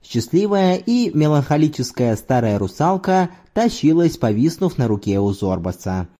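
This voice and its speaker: Animated male audiobook narrator. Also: on the high side, moderate pace.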